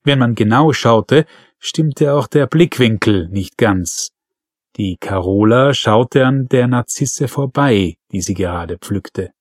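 A man narrating a crime audiobook in a calm, measured, wry manner. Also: medium pitch, no echo, studio quality. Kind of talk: scripted narration.

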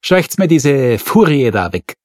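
A man voicing a gruff, bullying male police colonel in an audiobook reading. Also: medium pitch, sing-song, a little slow, darkish tone, no room sound, clean studio sound, pitched above the performer's own voice. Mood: barking.

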